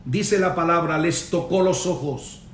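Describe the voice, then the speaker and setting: A man's voice: fairly high pitch, unhurried, echoey room, far from the mic, a little hiss or hum. A male pastor preaching a sermon with emphatic delivery, punctuated by amens and hallelujahs.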